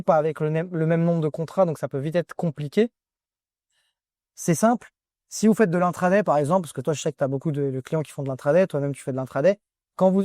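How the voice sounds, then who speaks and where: A man's voice: a little high, mellow, no room sound, clean studio sound. A man as a guest in a casual interview, giving direct advice in short, broken phrases. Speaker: guest trader.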